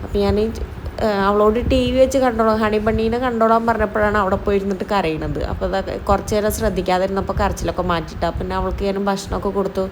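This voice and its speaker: A young mother rattles through her day in a brisk, easy stream, correcting herself as she goes. Her voice sits at an ordinary middle pitch. A faint hum of background noise runs under her words. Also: steady tone. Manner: chatty, homely, self-correcting as she talks. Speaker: mom vlogger. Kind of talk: casual chat to camera. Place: home kitchen and dining area.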